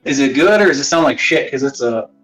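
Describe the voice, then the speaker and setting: Quick and expressive, this man's medium-pitched, fairly bright voice carries a casual live-stream chat full of rambling, swearing, self-mockery and frequent muttering under his breath. It's a low-quality, distant recording from a phone used as a wireless webcam mic, with a boxy speakerphone sound as if inside a box and faint music in the background.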